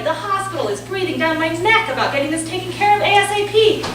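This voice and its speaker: In a staged play, a woman plays a brash, foul-mouthed oncologist who is evasive and clinical with patients, delivering the role emphatically and theatrically with shifts into stiff medical jargon. Her voice is high-pitched, bright and forceful, recorded on a distant mic in a very echoey room with faint noise.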